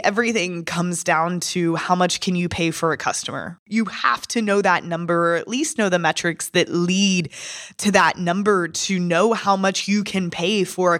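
A woman's voice: lowish voice, fairly bright tone. A young woman in her twenties co-hosting a podcast in casual chat, sounding nasal from a cold, with a slight Texan accent, upbeat and chatty. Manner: upbeat, chatty, laughs easily. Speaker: podcast co-host.

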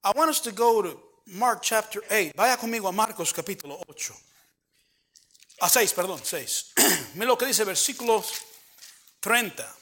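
A man's voice: sits high, lively intonation, a little slow, pauses often, sharp tone. A male pastor preaching a bilingual sermon in a church. He reads scripture aloud with joking asides, switches between Spanish and English, and quizzes the congregation with questions. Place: church sanctuary.

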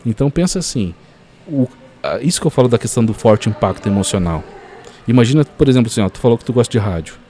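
A man's voice: medium pitch, fast talker, a little hiss or hum. A man telling a story as a podcast guest, full of fillers like "cara". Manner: animated storyteller, many fillers like "cara" and "assim, ó".

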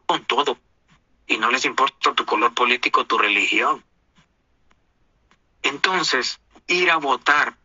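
A man with a Honduran accent speaks slowly and with emphasis, sounding indignant and preachy. His voice is bright and forceful. The recording is dry and a little dull, like lo-fi audio. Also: mid-range voice, no room sound. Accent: Honduran Spanish. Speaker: commentator. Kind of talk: opinion monologue.

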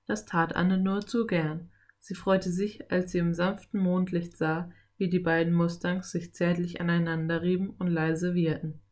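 Woman narrator, children's audiobook, calm, even, fairly low voice. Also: moderate pace.

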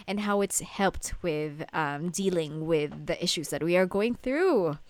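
A woman's voice: on the low side, animated, measured pace, a little mellow. A young adult woman co-hosting a casual podcast chat, giggly and full of fillers, her voice a little strained from talking too much. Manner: giggly, chatty, lots of fillers. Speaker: podcast co-host.

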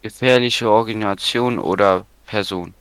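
A man's voice: fairly low pitch, normal speed, a bit bright, clear, resonant tone, no echo. A young man chatting casually as a podcast co-host in a blunt, teasing, slangy way. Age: young adult. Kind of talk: casual chat.

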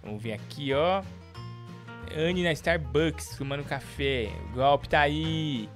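A man hosting a live stream, teasing callers and his co-host with mock-whiny bits and sudden shouts. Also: a little high, slow, faint music behind. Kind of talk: joking live-stream chat.

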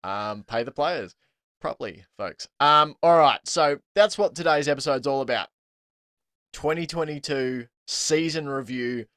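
An Australian man hosting a casual sports podcast, chatty and quick to laugh, with plenty of ums. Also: fairly high pitch, a bit bright, dry recording, studio quality. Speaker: podcast host.

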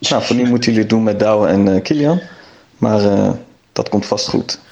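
A man's voice: fairly low pitch, moderate pace, a little mellow, dull audio. A man, a band's second vocalist, speaking casually and drily joking in a voicemail message that is played back. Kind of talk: casual recorded voicemail greeting.

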